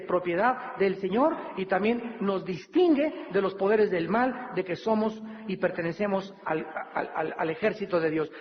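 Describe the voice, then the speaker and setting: A man preaching a sermon as a pastor, animated, acting out pleading voices of troubled people. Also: sits high, slight background noise. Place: church or studio hall. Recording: dull reverberant hall recording.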